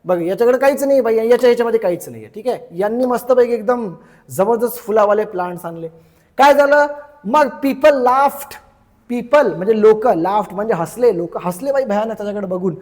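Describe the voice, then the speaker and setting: A man teaching English through a story, explaining each word slowly and repeating its meaning, chatty and checking in with his listeners. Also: high voice, darkish tone, big-room sound. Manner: chatty, checks in with "ठीक आहे".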